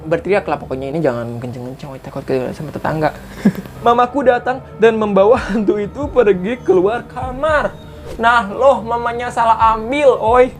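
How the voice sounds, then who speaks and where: A woman's voice: fairly high pitch, normal speed, over music. A woman reading short horror stories aloud and chatting about each one, full of exclamations and laughter. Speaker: horror story YouTuber.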